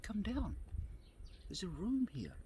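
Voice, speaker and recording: A kind, earnest woman pleads warmly with a guest to come and use her spare room, as a man puts her on. The voice is lifted well above his natural low register. Faint outdoor ambience and birdsong are heard behind. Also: wildly swooping pitch, fairly quick, noisy background. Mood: pleading.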